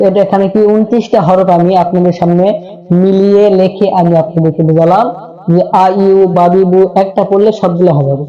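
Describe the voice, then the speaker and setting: A man teaching a Quran reading lesson, chanting the letter drills slowly and explaining each step patiently, with many repeats. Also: high voice, warm tone, highs cut off. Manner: explains steps patiently, repeating key terms.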